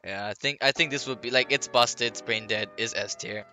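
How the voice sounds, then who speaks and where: Bright-voiced young man hosting a casual podcast. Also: a little fast. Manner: casual, laid-back, frequent fillers. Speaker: podcast host. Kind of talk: casual gaming podcast chat. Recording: low-level voice with faint background music.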